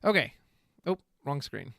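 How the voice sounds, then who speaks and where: Chatty man with a higher voice. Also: big pitch swings, measured pace, vocal fry, sharp tone, no room sound, clean studio sound. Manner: thinks aloud, reads card text and chat, chatty. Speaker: streamer reviewing trading card spoilers. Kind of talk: casual live-stream commentary.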